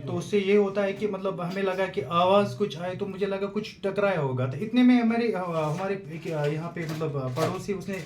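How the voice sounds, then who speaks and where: A man's voice: high-pitched, few pauses, slight background noise. A young man and shop owner, interviewed outdoors by his burnt village shop, retelling the fire hesitantly with many fillers and rising urgency. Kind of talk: on-the-spot interview account. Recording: echoey outdoor field recording.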